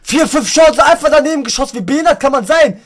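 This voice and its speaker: A man playing a football video game on stream, cursing and raging at his losses in loud outbursts. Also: extremely high pitch, fast talker. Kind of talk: casual gaming stream banter.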